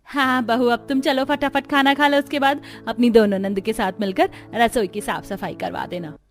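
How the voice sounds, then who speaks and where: A woman voicing a patient middle-aged mother-in-law in a cartoon story, gentle and pleading. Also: a little high, normal speed, soft background music, lightly acted. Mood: coaxing. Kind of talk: animated storybook dubbing.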